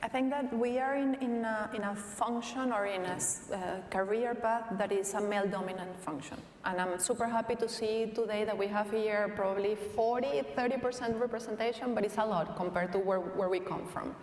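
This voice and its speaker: An earnest woman with a Venezuelan accent speaks slowly and thoughtfully, often restarting her sentences. She is heard from some distance in a big echoing hall, with a long reverb tail and faint hiss behind her. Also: medium pitch, steady tone, a little mellow. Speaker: interviewee, company tech leader. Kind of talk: onstage conversation. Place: large hall at a live event. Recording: echoey hall from far off.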